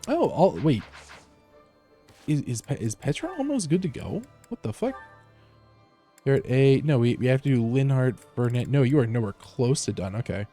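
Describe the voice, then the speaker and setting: Mellow man on a livestream headset mic. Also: mid-range voice, moderate pace, soft background music. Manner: relaxed, rambling, many fillers and restarts. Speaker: streamer. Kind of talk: casual live gameplay commentary.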